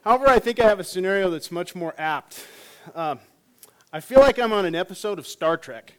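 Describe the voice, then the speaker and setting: A man's voice: high voice, lively intonation, fairly quick, clear, resonant tone. A middle-aged man, a hospice chaplain, giving a sermon with jokes and stories and many fillers. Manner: joking and storytelling with frequent fillers.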